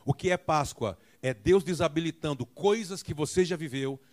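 A man's voice: fairly high pitch, normal speed. A Brazilian man preaching a sermon as a pastor, emphatic and calling for amen, sometimes acting out voices with humor. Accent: Brazilian Portuguese. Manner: acts out voices and jokes playfully. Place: church.

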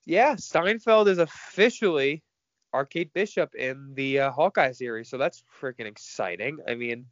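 Sounding congested, a man co-hosts a laid-back movie news chat, frank and talkative and laughing between his points. He speaks at normal speed in an expressive mid-range voice, with muffled, echo-free audio.

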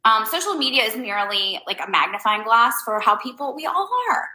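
Bright-voiced woman rambling casual advice. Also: a little high, animated, fairly quick, reverberant, poor audio. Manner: loose, rambling, heavy on fillers like "um" and "like". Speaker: host giving life advice. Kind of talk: casual advice talk to viewers.

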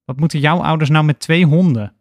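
A man voicing a greedy, cheeky young male student with an excitable manner. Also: brisk, no echo, natural voice. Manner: excitable, cheeky, high-pitched.

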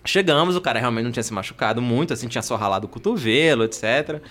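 Fast, laughing Brazilian man telling a story. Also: medium pitch. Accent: Brazilian Portuguese. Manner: animated, acts out quotes, laughs often. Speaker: guest storyteller. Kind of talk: casual comic storytelling.

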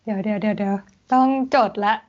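A woman's voice: mid-range voice, steady tone, takes it slowly, darkish tone. A woman co-hosting a podcast, mostly reacting with short replies in casual chat. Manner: attentive listener, brief reactions. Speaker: podcast co-host. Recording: dull lo-fi sound.

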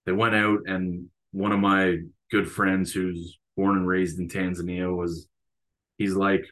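A coach and teacher talks through his experiences in an easygoing interview. He has a very deep, low-pitched voice and speaks reflectively. His thoughts unfold like stories told to a friend. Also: little pitch movement, a little slow, a bit bright. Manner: reflective, storytelling. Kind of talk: casual interview conversation.

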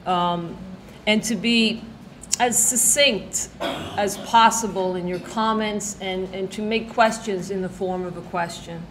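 A woman hosting an event, giving a semi-formal introduction with frequent pauses mid-phrase. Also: medium pitch, steady tone. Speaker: event host introducing a speaker. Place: indoor event, being filmed. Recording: faint background noise.

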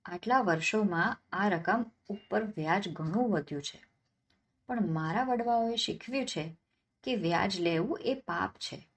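A woman's voice: medium pitch, expressive, a little slow. A woman voicing a clever, penniless young man in a folk tale, cheeky and self-assured, answering questions with questions. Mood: sly.

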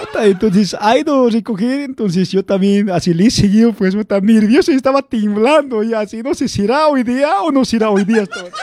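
A young man with a high-pitched voice rambles through a personal story to the camera, talking fairly quickly with few pauses. As a vlog host, he chuckles often and calls his listener by slang nicknames.

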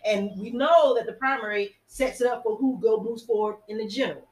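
A woman's voice: on the high side, brisk, echoey room, rough recording. A woman giving blunt, sardonic opinions in a casual discussion.

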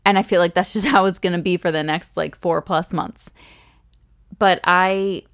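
Chatty young woman, slightly low voice. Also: steady tone, normal speed, clean tone. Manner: gushing, chatty, with frequent restarts and laughs. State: pregnant. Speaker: podcast host. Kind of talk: casual solo podcast talk.

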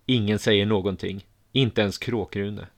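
A man narrating a first-person audiobook story in a calm, measured way. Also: on the low side.

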